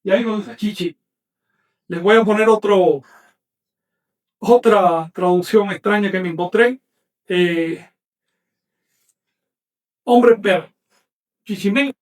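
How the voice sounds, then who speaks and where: A man teaching an online class, slowly sounding out words syllable by syllable and correcting common mistakes firmly. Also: high voice, far from the mic. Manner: slow, emphatic spelling out of syllables; corrective, insistent.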